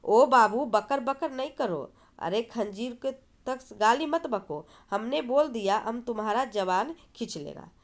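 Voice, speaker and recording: A woman's voice: a little high, big pitch swings, measured pace, hardly any pauses, voice pushed up. A woman reading aloud the lines of a brash, mocking Pathan man on a train. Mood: taunting.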